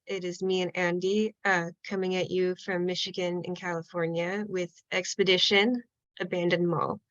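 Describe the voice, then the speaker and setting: A woman casually presenting her art project on a video call, chatty and animated, with lots of "like" and "right?". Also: on the low side, no room sound, muffled recording.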